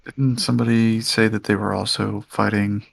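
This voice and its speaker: A man plays at a tabletop game, chatting casually and asking questions. His low voice is gravelly and husky. The sound is close and dry. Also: flat delivery, normal speed, no room sound. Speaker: player. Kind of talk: casual chat.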